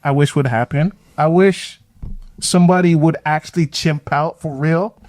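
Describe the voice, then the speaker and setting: A man with a high, lifted voice hosts a reaction show, talking in an animated, emphatic way. His recording is dry and close, with no room sound. He keeps his commentary on the clips casual. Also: normal speed, dry recording.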